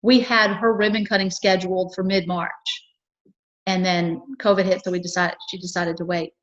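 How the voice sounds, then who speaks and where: A woman's voice: fairly low pitch, level tone, moderate pace, dull audio. A woman from a chamber of commerce, talking earnestly and cheerfully in a local cable TV interview, with lots of fillers and restarts.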